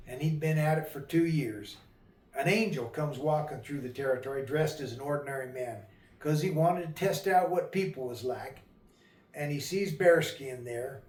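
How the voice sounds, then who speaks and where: Guy spinning an old folk tale, kinda high voice, folksy drawl, echoey room a bit off mic. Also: darkish tone, far from the mic. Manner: folksy, rural dialect, drawling asides. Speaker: storyteller. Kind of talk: folksy oral storytelling.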